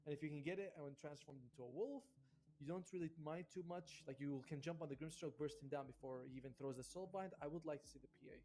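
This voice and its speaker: A man's voice: a little high, quick pace, warm tone, low-quality recording. A man co-casting an esports draft, thinking aloud and often stumbling and restarting. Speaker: esports co-caster. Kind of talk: casual draft commentary.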